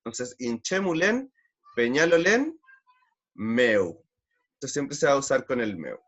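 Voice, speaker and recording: A man's voice: mid-range voice, sing-song, fairly bright tone, dull audio. Chilean man patiently teaching pronunciation. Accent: Chilean Spanish. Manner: patient, slowly demonstrates sounds, repeats syllables. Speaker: language teacher. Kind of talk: online language class.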